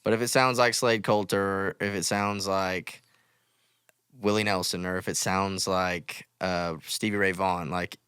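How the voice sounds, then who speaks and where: A man's voice: low voice, level tone, unhurried, fairly bright tone, clear, resonant tone, no echo, studio quality. A man from West Texas, a musician guest, explaining his songwriting thoughtfully and casually with many fillers. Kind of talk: casual interview chat.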